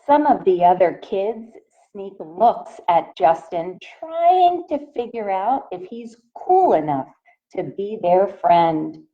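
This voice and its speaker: Slow-paced woman reading aloud to children. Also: mid-range voice, phone-quality sound. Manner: deliberate, expressive, addresses young listeners directly. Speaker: teacher reading a picture book aloud to children. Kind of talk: read-aloud storytelling for young children.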